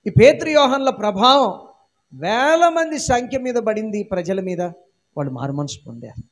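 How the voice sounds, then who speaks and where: Male Andhra Telugu pastor, high-pitched, emphatic sermon delivery. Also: big pitch swings, moderate pace. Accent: Telugu-speaking Andhra region. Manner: emphatic preaching with repeated phrases and rhetorical questions. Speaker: senior pastor.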